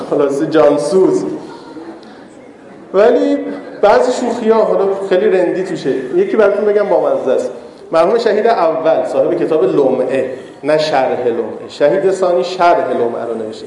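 A man preaches a sermon in a high, light voice, a cleric leaning on rhetorical questions and slipping in humorous asides. His words ring out in an echoey hall with a long, lingering reverb. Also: mellow.

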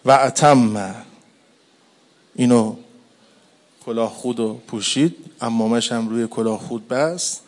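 A man preaching a mourning sermon, chanting Arabic quotations slowly before explaining each one in everyday speech. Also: medium pitch.

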